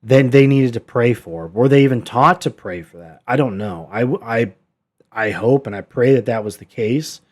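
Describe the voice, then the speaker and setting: A man teaching a Bible study in a relaxed, unscripted way. His voice sits in an ordinary middle pitch, and he turns earnest and exhorting as he talks, with frequent fillers and restarts. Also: normal speed. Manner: conversational, many fillers and restarts. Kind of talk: casual Bible study talk.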